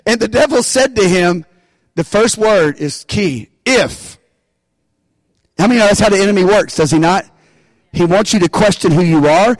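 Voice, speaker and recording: A man's voice: high-pitched, no room sound, low-quality recording. A man preaching a sermon, calling out to the congregation for responses and rising into bursts of emphasis. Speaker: pastor.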